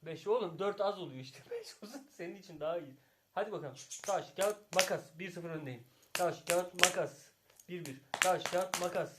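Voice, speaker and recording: A man's voice: high-pitched, animated, moderate pace, heavy background noise. A man, a father hosting a casual family vlog, teasing playfully and calling out game scores with bursts of laughter. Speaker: father and channel host.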